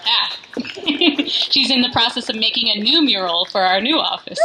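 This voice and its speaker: At an indoor event venue, a Bay Area woman in her forties, the organization's founder, gives a casual, heartfelt welcome speech to a party crowd. Her slightly high voice swings hugely in pitch as she speaks slowly over heavy background noise, with frequent fillers and restarts.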